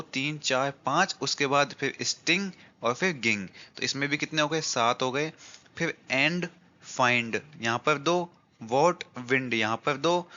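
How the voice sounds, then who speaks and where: A man's voice: medium pitch, sharp tone, highs cut off. A man teaching English literature for an exam, explaining step by step and answering his own questions as he counts syllables out word by word. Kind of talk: exam-prep lecture.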